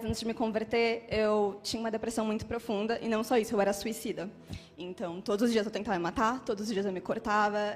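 Young woman, high voice, telling her church testimony, really animated, some music and hall reverb behind. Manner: emotional, animated storytelling with bursts of laughter. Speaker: testimony speaker.

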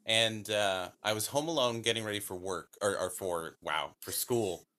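A man on the low side in pitch, speaking at normal speed, casually tells his own ghost stories as a podcast guest, rambling, correcting himself and using lots of fillers. The recording is very noisy.

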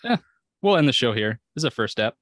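A man's voice: medium pitch, sing-song, quick pace, a bit bright, dry recording. A young man co-hosting a casual sports podcast, blunt and the one who wraps things up. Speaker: podcast co-host.

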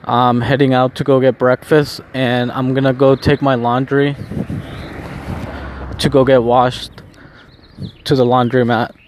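A man talking casually to himself on a walk, high on weed, with a laid-back, repetitive stoner drawl. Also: flat delivery, unhurried, pauses often, noisy background. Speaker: vlogger recording an audio diary. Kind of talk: rambling casual solo chat. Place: outdoors, walking along.

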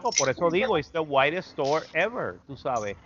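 A Puerto Rican man in animated casual chat, switching between Spanish and English. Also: fairly high pitch, moderate pace, dull audio, noisy background. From Puerto Rico. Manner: animated, mixes Spanish and English, mocks voices.

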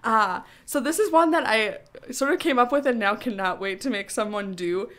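A woman's voice: on the high side, normal speed, fairly bright tone. A woman speech coach co-hosting a podcast, chatting in an upbeat way with many fillers. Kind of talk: casual podcast chat.

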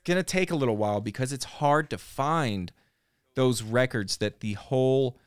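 A man hosting a podcast, talking in a loose, rambling way full of fillers and false starts. His voice is smooth and resonant. The sound is close and dry, with no room around it. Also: mid-range voice, moderate pace, no echo. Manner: relaxed, rambling, with frequent fillers and restarts. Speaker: podcast host. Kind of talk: casual chat. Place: podcast studio.

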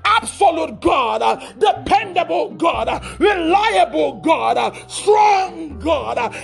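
A man leading a fervent prayer, shouting short repetitive phrases with an "uh" before nearly each one. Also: extremely high pitch, big pitch swings, takes it slowly, creaky. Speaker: prayer leader.

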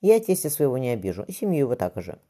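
A narrator playing a menacing middle-aged tsar who talks in a venomous, mocking way. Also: male voice, mid-range voice, huge pitch swings, quick pace, warm tone.

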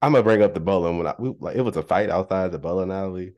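A man's voice: low-pitched, racing, darkish tone. A man co-hosts a podcast in a loose, chatty style. He is playful and self-mocking, and leans on repetition to make his point. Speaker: podcast co-host. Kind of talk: casual chat.

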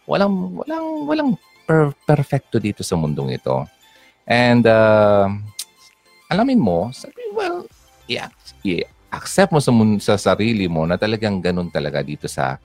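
A man with a low, deep voice gives fatherly relationship advice. His pitch swings widely as he talks, and faint music plays behind him. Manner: fatherly, mixes English into Tagalog. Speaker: advice host. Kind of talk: casual advice talk to a listener.

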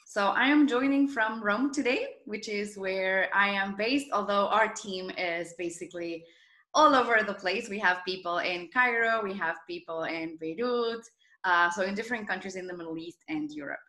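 Bright, enthusiastic woman from Argentina. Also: mid-range voice, moderate pace, reverberant. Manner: enthusiastic, animated storytelling. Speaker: guest, startup founder. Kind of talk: video interview.

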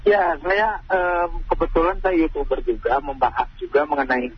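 A fairly high-pitched, husky man calls in to a radio talk show, and his call keeps breaking up and dropping out. His phrasing is halting and hesitant. The sound comes through a dull, lo-fi phone line. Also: steady tone. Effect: phone call breaking up, cutting in and out.

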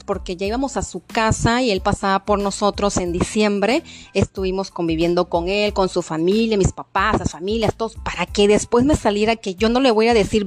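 A young woman with a Mexican Spanish accent tells a personal story in a confiding, emphatic way, often speaking straight to her listeners. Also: medium pitch.

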